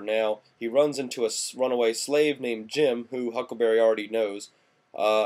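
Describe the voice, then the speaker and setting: A man's voice: on the low side, darkish tone, lightly acted. A man playing a folksy, rambling small-town man from the 1890s, talking through an acted class monologue. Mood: lecturing. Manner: folksy and rambling, drawling country slang. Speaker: student presenter in character.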